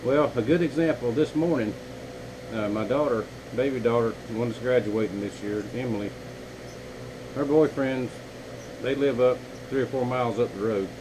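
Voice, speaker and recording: A knifemaker rambles through a casual, folksy vlog from his home workshop, calling his viewers y'all. His mid-range voice moves at a normal speed against a noisy background.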